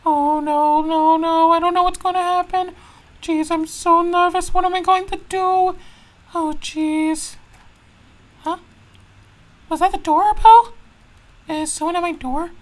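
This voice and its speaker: A woman voicing Mario as a jittery, excitable young male racer who stammers, repeats himself and frets aloud in a fan-made toy video. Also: very high-pitched, unhurried, pauses often. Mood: nervous.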